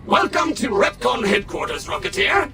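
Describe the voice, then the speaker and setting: An actor voicing an overly smooth, polite male android servant in a video game, with a synthetic, robotic processing on the voice and a formal, scripted manner. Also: very high voice, big pitch swings, normal speed, full character voice. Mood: courteous. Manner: courteous, formal, scripted customer-service delivery.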